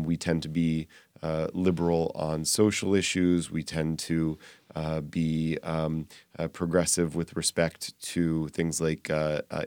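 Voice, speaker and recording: A very low, smooth male voice in a dry recording. The man is a rabbi in discussion, speaking in halting, measured phrases with many hesitations. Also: a little mellow, dry recording. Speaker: rabbi, interview guest. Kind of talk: unscripted discussion.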